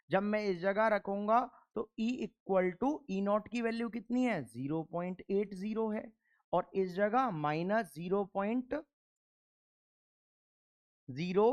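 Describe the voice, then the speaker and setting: A male chemistry teacher lectures his class, working through problems while posing questions and answering them himself. He hammers his points home sternly and emphatically through repetition, in a high, clear, resonant voice.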